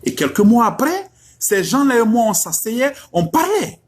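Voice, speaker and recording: Husky, animated preacher man. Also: very high-pitched, moderate pace. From West Africa. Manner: emphatic, rhetorical questions, repeats lines for effect. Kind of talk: religious exhortation.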